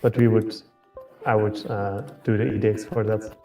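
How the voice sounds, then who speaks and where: A man's voice: lowish voice, level tone, moderate pace. A man chatting casually and advising a friend on strategy during a game, recorded in a roomy space away from the mic. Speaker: fellow player advising on strategy. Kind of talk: casual gaming chat. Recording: roomy, distant mic, music behind.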